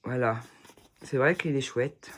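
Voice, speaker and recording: Slow-talking, hesitant French woman. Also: a bass voice. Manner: rambling, full of hesitations and restarts. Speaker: vlogger showing tarot decks. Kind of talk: casual chat.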